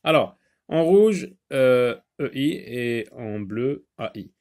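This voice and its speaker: Very slow, hesitant male teacher. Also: medium pitch, animated, darkish tone. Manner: slow, deliberate, spells out letters and sounds; hesitant, many filler pauses. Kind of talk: phonics lesson.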